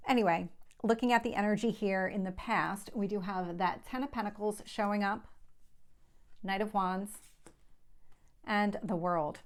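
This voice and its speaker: A woman with a medium-pitched voice and a slight lisp hosts a channel where she gives conversational tarot readings to viewers. She explains things reassuringly and often repeats her points.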